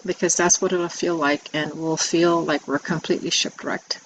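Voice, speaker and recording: A woman giving a spiritual message video, soft-spoken and reflective, with many pauses and ums. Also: deep voice, steady tone, poor audio. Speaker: spiritual teacher.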